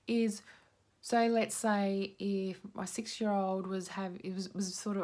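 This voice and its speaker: A woman's voice: medium pitch, darkish tone. A woman in her forties giving a casual intuitive card reading, rambling and frank and swearing now and then. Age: 40s. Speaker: intuitive card reader and menopause mentor.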